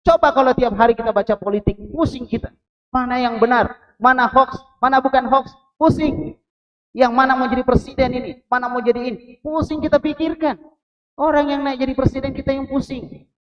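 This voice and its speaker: A man from Indonesia giving a lively mosque sermon, putting questions to the congregation and joking with them. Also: very high-pitched, a little fast, lo-fi sound. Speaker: preacher.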